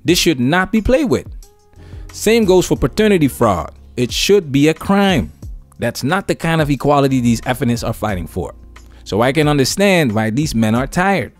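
A man's voice: medium pitch, very animated, moderate pace, soft background music. A man hosting an opinion news commentary show, talking through clips and reacting to them. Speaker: host of a commentary channel.

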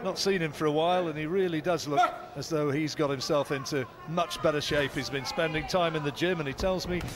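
A man giving measured play-by-play boxing commentary from ringside. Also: on the high side. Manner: measured play-by-play with fight facts. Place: ringside at an indoor boxing arena. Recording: loud arena crowd and noise behind.

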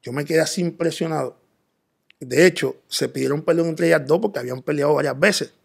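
Man, raised gravelly voice, earnest interview guest recounting his story. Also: fairly high pitch, a little fast. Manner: earnest storytelling, quoting himself in dialogue. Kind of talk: personal testimony in interview.

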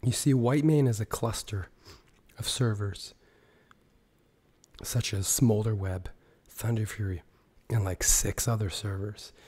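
Hoarse man with a sore throat. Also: on the low side, fairly even intonation, measured pace, a little mellow. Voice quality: hoarse, strained, breaking into whisper. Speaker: gaming video host. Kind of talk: casual gaming news commentary over screen capture.

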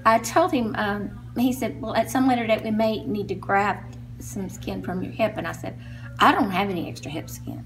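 A woman's voice: mid-range voice, steady tone, normal speed. An American woman, a patient talking casually and plainly about her treatment. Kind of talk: casual chat.

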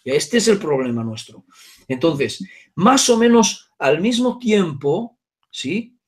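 A native Hungarian speaker with a Hungarian accent, appearing as an interview guest, explains things at length, full of asides and checks that his listener is following. His fairly high voice swings widely in pitch, and he speaks slowly.

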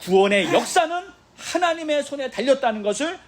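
Lively Korean pastor preaching a sermon. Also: male voice, extremely high pitch, fairly quick. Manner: animated storytelling preacher with exclamations and quoted dialogue. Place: church sanctuary.

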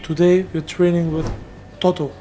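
A man hosting a casual travel vlog, narrating with enthusiasm and tossing in "boom" now and then. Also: little pitch movement, moderate pace, mellow, slight background noise. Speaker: vlog host. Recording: music clearly underneath.

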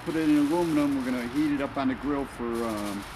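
A man explaining each step as he cooks on an outdoor grill, in a relaxed, casual way. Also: medium pitch, quick pace. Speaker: home cook. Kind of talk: casual cooking demonstration. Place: outdoor grill in a city at dusk. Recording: outdoor street noise.

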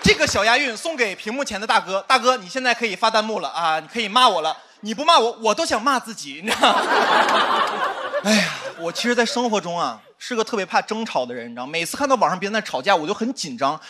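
A man with a high, bouncy voice rattles through a stand-up set at speed, leaning on the crowd with a constant "you know?". Loud audience laughter and noise fill the studio around him. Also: lively intonation, quick pace. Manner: chatty, keeps asking "you know?". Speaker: stand-up comedian. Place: studio stage with live audience.

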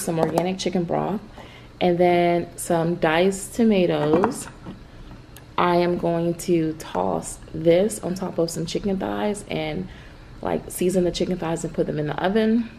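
An American vlogger with a slow, gravelly, lowish voice chats straight to her viewers during a casual grocery haul video, using lots of fillers. She's indoors in a bright room at home, and there's some background noise.

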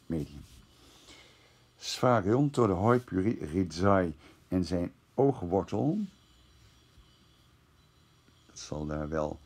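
A man's voice: low-pitched, vocal fry, a little mellow, husky. A man teaching a lesson, translating verse word by word and thinking aloud as he explains the grammar. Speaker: classics teacher.

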